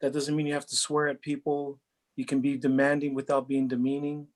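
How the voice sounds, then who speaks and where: A man's voice: medium pitch, monotone, a little fast. A middle-aged man from Hawaii, a head football coach, answering interview questions in an earnest, reflective way, often repeating words as he thinks. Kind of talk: interview answers, casual chat.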